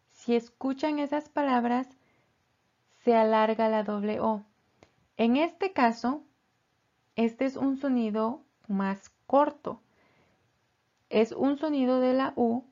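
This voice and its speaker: Woman pronunciation teacher, very slow and deliberate delivery, slightly dull lo-fi recording. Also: on the high side, a little mellow. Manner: slow and careful, repeating each word twice.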